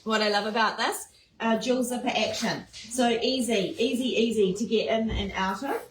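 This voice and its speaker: A woman's voice: fairly high pitch, normal speed, slight background noise. Chatty woman presenting shoes. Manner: chatty, enthusiastic, many fillers. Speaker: fashion presenter. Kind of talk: live shoe showcase chat. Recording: echoey room.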